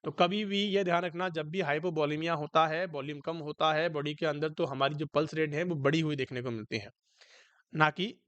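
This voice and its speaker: A man's voice: a little high, fairly even intonation, fairly quick, fairly bright tone, smooth, dry recording, muffled recording. A male nursing exam tutor giving an online lecture, who keeps asking students whether they have understood and mixes English medical terms into his Hindi. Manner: coaxing, repeatedly checks if students understood.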